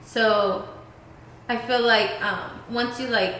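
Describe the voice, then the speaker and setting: Host, woman in her late twenties, relaxed Q&A talk with plenty of fillers, crisp bright tone, recorded in a reverberant lounge. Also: fairly high pitch, slow, slight background noise. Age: 20s. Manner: casual, many fillers like "um" and "like". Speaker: vlog host. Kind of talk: casual Q&A chat. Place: indoor lounge room. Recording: echoey room.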